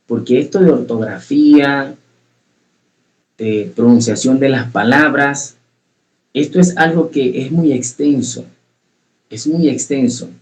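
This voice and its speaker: A man's voice: mid-range voice, a little mellow, rough recording. Earnest man teaching public speaking. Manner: earnest, repeats key phrases for emphasis; addresses students directly, asks questions. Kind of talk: online class lecture.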